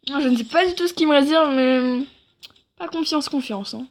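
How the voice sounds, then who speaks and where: A woman's voice: high-pitched, normal speed. A woman giving rambling gameplay commentary for a video, often correcting herself mid-sentence. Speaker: gaming video creator.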